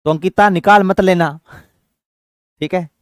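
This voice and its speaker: Male teacher, slightly high voice, dry close sound, friendly drilling delivery. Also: fairly even intonation, a little slow, dry recording. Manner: chatty, affectionate, drills terms by repetition. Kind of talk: online exam-prep lecture.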